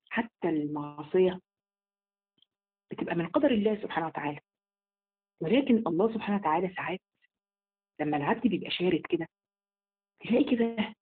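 A woman with an Egyptian Arabic accent giving a live online religious lesson. She talks rapidly and emphatically and slows down to recite scripture. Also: on the low side, husky. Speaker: religious teacher. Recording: tinny phone-like audio.

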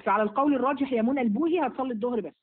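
A woman's voice: on the high side, racing, slightly rough. A woman with an Egyptian accent, a religious teacher answering viewers' questions in a live session, firm and motherly, blessing each asker by name. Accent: Egyptian Arabic. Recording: phone-like narrow sound.

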